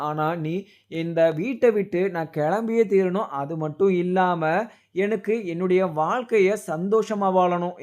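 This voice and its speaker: A man's voice: high-pitched, a little mellow, natural voice. A man voicing a heartbroken, devoted young husband who pleads in long run-on sentences. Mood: hurt.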